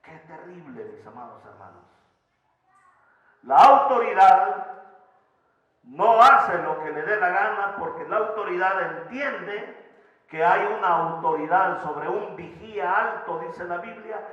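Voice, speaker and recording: A pastor preaching a sermon in a church, swinging from loud emphasis to soft, quiet asides. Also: male voice, high-pitched, expressive, measured pace. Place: church sanctuary. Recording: echoey church hall, slightly dull sound.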